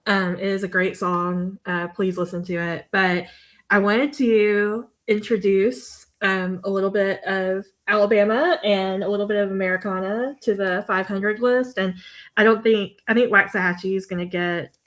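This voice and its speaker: A woman co-hosting a music podcast, talking through album picks in a relaxed, easygoing way. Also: mid-range voice, moderate pace. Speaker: podcast co-host. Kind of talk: casual chat about music.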